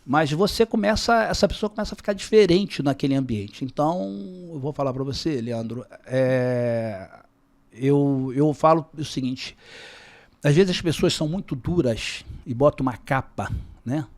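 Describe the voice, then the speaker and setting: Male interview guest, calm and deliberate, raspy fry in a voice sitting a touch high. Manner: calm, measured, repeats words when searching. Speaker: podcast guest, business leader. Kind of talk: casual interview talk.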